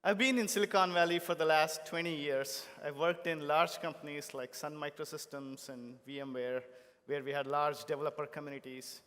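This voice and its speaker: A man speaks from the podium in a somewhat high voice. He gives his keynote speech in short, emphatic phrases, each set apart. The sound carries the long reverb of a large conference hall. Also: fairly even intonation, normal speed, a bit bright. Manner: addresses audience in short, emphatic, separated phrases. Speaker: company technology chief giving a keynote.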